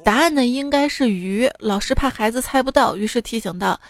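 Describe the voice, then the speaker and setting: A woman hosting a show, telling funny stories in a lively, playful way. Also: fairly high pitch, brisk, dry recording, clean studio sound. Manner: lively, playful, acts out children's voices. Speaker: host. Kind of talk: comic storytelling. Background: faint background music.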